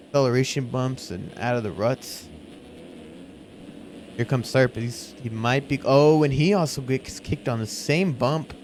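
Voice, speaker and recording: A man's voice: mid-range voice, noisy background. A man giving live motorsport race commentary in an informal, conversational play-by-play style.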